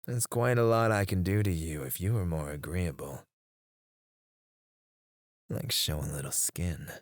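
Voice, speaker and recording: In an ASMR roleplay, a man plays a threatening mercenary interrogator, speaking low and taunting close to the mic and occasionally slipping into a whisper. His pace is measured and his tone mocking, with no echo in the recording.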